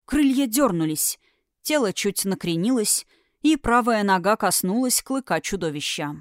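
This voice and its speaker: A woman narrating a fantasy audiobook in a dramatic, expressive way, getting louder at tense moments. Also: medium pitch, moderate pace, no echo, clean studio sound.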